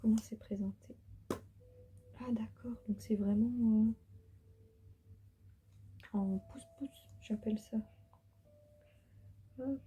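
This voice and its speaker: A tired woman whispering softly through a casual beauty unboxing vlog from the floor of her bedroom. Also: fairly high pitch, steady tone, slow, pauses often, slight background noise. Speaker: beauty vlogger.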